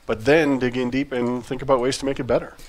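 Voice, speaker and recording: A man co-hosting a casual livestream as a game studio head, relaxed and chatty, with dry teasing humor and lots of restarts and fillers. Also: medium pitch, fast talker.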